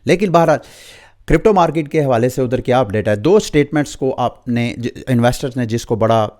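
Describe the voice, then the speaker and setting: A man with a Pakistani Urdu accent talks through the latest crypto and interest-rate news as a channel host. His voice sits at an ordinary middle pitch. He speaks straight to his viewers and drops English terms into his explanations. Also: a little fast, a little mellow. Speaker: crypto market YouTuber. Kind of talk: market update monologue.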